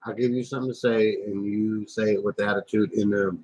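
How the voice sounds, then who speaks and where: Husky man with teasing quips. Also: on the low side, fairly even intonation, a little fast, a little mellow, rough recording. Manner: teasing, brief interjections. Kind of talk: casual chat.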